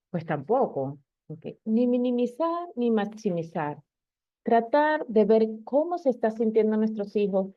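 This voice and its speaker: A woman's voice: fairly high pitch, no echo. A woman explains parenting advice in a patient, conversational way and keeps checking in with her listeners. The sound is dry and a little dull. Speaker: parenting educator. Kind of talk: informal talk on parenting.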